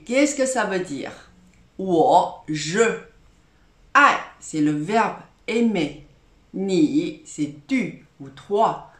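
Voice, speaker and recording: A woman teacher speaks at a slow, deliberate pace. She sounds out each word with care and repeats it for her learners. Her voice rings in a roomy, echoing space. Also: on the low side. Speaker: Chinese teacher. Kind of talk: online language lesson. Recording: roomy echo.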